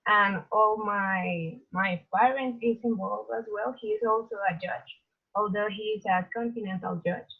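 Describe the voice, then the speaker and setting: A woman's voice: medium pitch, breathy edge. A woman from Mexico, a guest on a video call, speaking hesitantly with fillers. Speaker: guest, international judge. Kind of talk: casual chat. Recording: tinny phone-like call audio.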